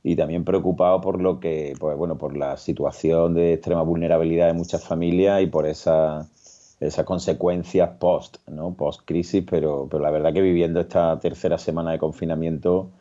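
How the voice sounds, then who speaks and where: A man, a charity representative answering interview questions with many pauses and fillers. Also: low voice, flat delivery, warm tone, lo-fi sound. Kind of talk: remote TV interview.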